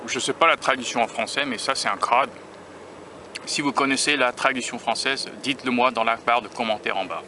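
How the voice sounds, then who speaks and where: This food-tasting vlogger from the US has a mid-range voice with a bright, forceful tone. Eating outdoors by a beach near rail tracks, he chats casually and self-consciously, restarting sentences as he muses, filming himself on a handheld camera or phone. Outdoor traffic and vehicles can be heard.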